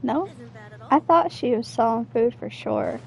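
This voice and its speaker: A woman's voice: fairly high pitch, unhurried, a little mellow. Giggly woman streamer with hiccups. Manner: chatty, giggly, talks to herself. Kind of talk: casual gameplay commentary. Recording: game music playing behind her voice.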